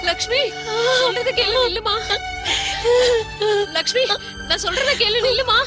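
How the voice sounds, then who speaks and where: A woman's voice: very high-pitched, unhurried. A woman dubbing the role of a frantic mother begging her daughter to open the door in a dubbed film drama. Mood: pleading. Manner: frantic pleading. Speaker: mother of Lakshmi. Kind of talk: Tamil film dub. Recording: film soundtrack with loud music behind.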